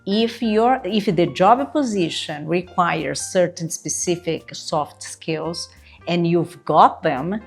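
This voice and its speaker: A woman with a fairly low, husky voice and a Brazilian Portuguese accent, a native Portuguese speaker, works as an interview coach. In an instructional video she coaches job-seekers earnestly and emphatically, often checking in with "right?".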